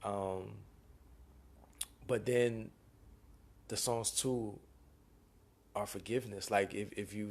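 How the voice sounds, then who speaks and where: A man's voice: lowish voice, vocal fry. A man reading viewer questions and answering them on a live stream, speaking in a laid-back, slangy way. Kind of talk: casual live-stream chat.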